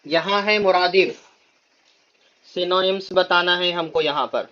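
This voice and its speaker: A male Arabic teacher leading a classroom lesson, saying each word slowly for students to repeat and then explaining it quickly. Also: high-pitched, bright, forceful tone, lo-fi sound.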